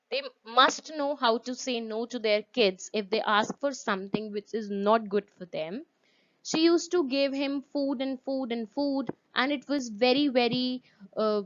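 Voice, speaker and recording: Woman teacher, lo-fi recording. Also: high voice. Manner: repetitive, asks the class questions, stresses words with "very, very". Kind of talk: classroom lesson explaining a story.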